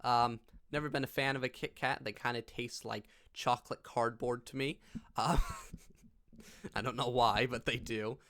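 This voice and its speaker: A man talking to camera in a casual reaction vlog, drifting from one silly aside to the next. His pitch sits in the middle range for a man. He chuckles often and keeps the chatter loose and offhand. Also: fairly even intonation, measured pace, fairly bright tone. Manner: goofy and rambling, laughs often. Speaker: YouTuber.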